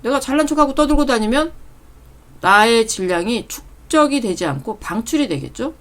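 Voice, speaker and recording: A woman with a fairly high voice gives a spiritual lesson at a steady, measured pace. She explains each point patiently and keeps turning to her listeners with rhetorical questions. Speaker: channel host reading her own spiritual essays.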